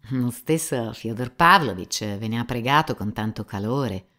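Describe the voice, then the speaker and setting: A woman reading an audiobook voices a sly, servile male servant who talks in a smooth, unhurried, faintly ingratiating way. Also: rumbling low, animated, a bit bright, exaggerated voice. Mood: insinuating.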